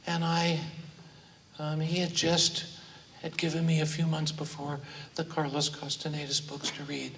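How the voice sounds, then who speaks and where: Halting man addressing a hall crowd. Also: fairly high pitch, completely flat delivery, fairly bright tone. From Oakland, California. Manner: halting, frequent pauses and fillers. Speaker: speaker acknowledging guests at a gathering. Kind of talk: informal public address to an audience. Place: large hall with an audience. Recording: echoey hall, distant voice, clear room noise.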